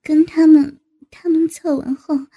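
A woman voicing a shy young woman who confides to a friend in a hesitant, halting way. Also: sits high, steady tone, muffled recording. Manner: hesitant, halting, soft-spoken. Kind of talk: adult audio story reading.

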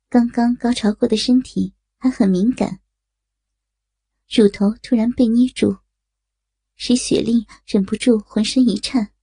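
Brief: woman narrator, slow and breathy, mellow husky tone, dry close sound. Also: a little high, fairly even intonation, no room sound. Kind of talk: erotic audio story reading.

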